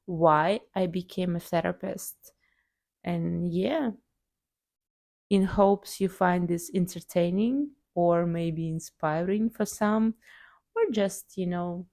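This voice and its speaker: A young adult woman with a Russian accent, a vlogger and psychologist, shares her personal story in a casual video diary. Her fairly low, mellow voice has no echo, and she talks conversationally, packed with fillers like "like" and "um".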